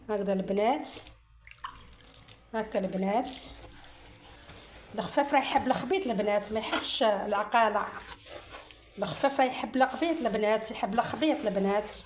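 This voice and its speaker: A woman's voice: fairly high pitch, a little mellow, slight background noise. A middle-aged woman with an Algerian Arabic accent hosts a casual cooking tutorial, filming herself and chattily repeating her phrases to her viewers. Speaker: cooking channel host. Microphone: phone camera, filming herself. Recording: roomy echo.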